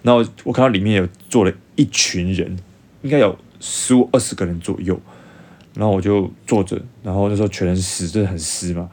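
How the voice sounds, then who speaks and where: Low-voiced young Taiwanese man storytelling. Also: a little fast. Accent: Taiwanese Mandarin. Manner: animated, acts out dialogue in changed voices. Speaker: vlogger. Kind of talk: casual storytelling to camera.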